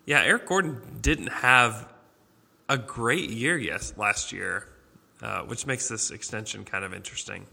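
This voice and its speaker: Casual guy hosting from a big echoey boardroom, kinda gravelly, lots of restarts and laughs. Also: on the low side, bright, forceful tone. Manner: chatty, laughs often, halting restarts. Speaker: podcast host. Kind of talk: casual sports chat. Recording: echo-chamber sound of a big hollow room.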